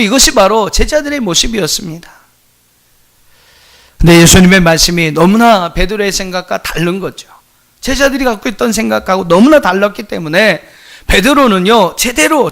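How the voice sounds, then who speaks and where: High-voiced male pastor preaching emphatically. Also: vocal fry, a bit bright. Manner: emphatic, repeatedly addresses the congregation directly; asks rhetorical questions, jokes with the congregation. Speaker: senior pastor. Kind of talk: sermon.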